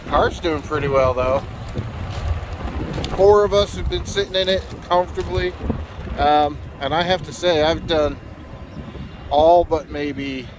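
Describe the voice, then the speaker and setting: A middle-aged man with a fairly high voice speaks a little slowly, with long pauses, as he casually vlogs a road trip in an easygoing, rambling way full of fillers. He films on a phone held at arm's length, inside a car and outdoors at charging stations, with some background noise.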